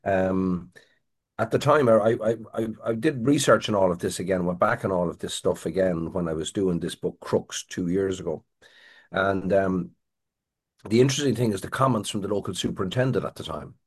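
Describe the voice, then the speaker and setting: A middle-aged Irish man with a very low voice and a husky edge tells a rambling story as an interview guest. He circles back and restarts his sentences as he goes. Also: normal speed. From Ireland. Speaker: guest, crime writer.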